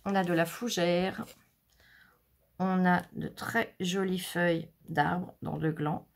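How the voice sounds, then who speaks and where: A woman's voice: lowish voice, steady tone, slow, vocal fry. A woman chatting casually through a scrapbooking stamp haul, showing items one by one with frequent fillers. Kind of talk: casual haul video commentary.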